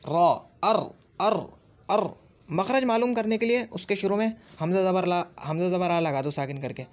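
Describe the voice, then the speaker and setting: Man drilling Arabic letter sounds. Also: high voice. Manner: repeats sounds slowly and drills each letter. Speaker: Arabic grammar teacher. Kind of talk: classroom-style grammar lesson.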